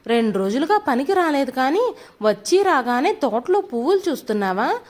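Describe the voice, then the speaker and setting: Storybook role: harsh, bullying rich man read by a woman, high pitched and swinging, loud and scolding. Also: big pitch swings, normal speed. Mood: angry scolding. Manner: shouting, scolding.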